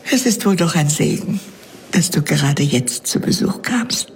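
An actress playing a stern, protective older spinster in a radio drama, with a severe, grave and guarded manner. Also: female voice, sits low, expressive, unhurried, a little hiss or hum. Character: stern, bitter, protective elderly spinster sister. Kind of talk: German radio drama acting.

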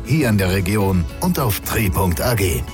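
A man giving station announcements and adverts in a booming, emphatic announcer style. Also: expressive, moderate pace. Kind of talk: scripted announcer. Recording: music bed behind voice.

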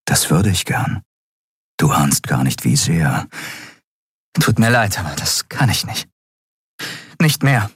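A man's voice: extremely low pitch, sing-song, takes it slowly, long pauses, husky, dry recording, studio quality, exaggerated voice. A man voicing a stern young woman ship captain who questions a captive in terse, demanding lines. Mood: pained.

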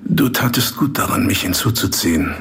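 An actor playing Professor van Helsing, a learned, grave and courtly old Dutch scholar, in a radio play. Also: male voice, mid-range voice, expressive, moderate pace, a bit bright, slightly rough, in a whisper.

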